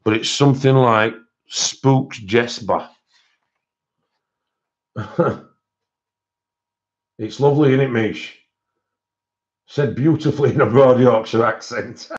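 A man hosts a relaxed live-stream haul and keeps up a loose, rambling chat with his viewers. He speaks at an unhurried pace, with plenty of fillers and self-corrections. The recording sounds slightly dull and lo-fi. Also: mid-range voice. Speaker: coloring book channel host.

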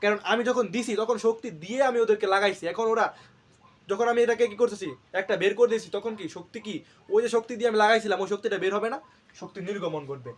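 A man with a high voice teaching a lesson at a board. He keeps putting questions to the class and answering them himself, and he repeats each key term so it sticks. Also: quick pace. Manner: asks and answers his own questions. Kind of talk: classroom lecture.

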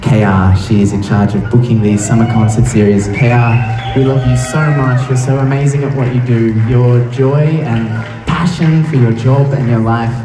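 A musician chatting loosely and gratefully to a crowd between songs at an outdoor concert, heard through the stage speakers. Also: male voice, medium pitch, fairly even intonation, normal speed, few pauses. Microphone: stage vocal mic through PA. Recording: distant, echoey live PA sound with music.

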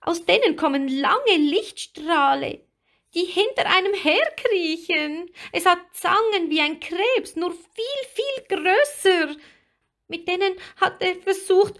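A woman voicing a frightened little girl mermaid in a storybook reading, speaking high, trembling and sobbing. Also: expressive, slow, fairly bright tone, exaggerated voice.

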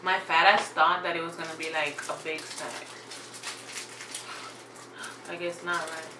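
A woman's voice: sits low, flat delivery, measured pace, background noise. A woman chatting casually in a snack unboxing vlog, full of "like" and "y'all" fillers. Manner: chatty, filler-heavy, says "like" and "y'all" often. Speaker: vlogger reviewing snacks. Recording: echoey room, off-mic.

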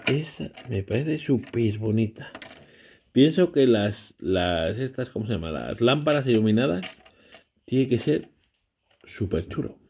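A man's voice: medium pitch, expressive, measured pace, vocal fry, mellow, slight background noise. A man, casually vlogging a brick build with his child, chatty and often unsure as he corrects himself.

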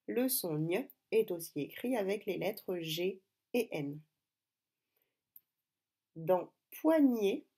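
Slow careful lady teacher doing a kids phonics lesson, warm mellow tone. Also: medium pitch. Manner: slow, clear, deliberate teacher talk addressing pupils. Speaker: primary school teacher.

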